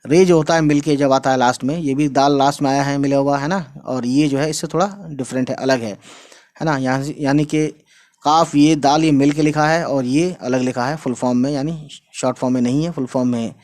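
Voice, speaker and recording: A man teaching a casual online language lesson, drawing out words slowly and often checking in with his listeners. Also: mid-range voice, steady tone, darkish tone. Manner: repeats words slowly, drawn out for pronunciation; chatty, checks in with "right?" and "guys". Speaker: Urdu teacher.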